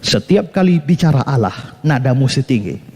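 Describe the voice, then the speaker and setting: A male pastor preaching an animated sermon, breaking into short sung hymn phrases and answering his own questions. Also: medium pitch, normal speed, breathy edge. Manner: asks the listeners questions and answers them himself. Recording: long hall reverb.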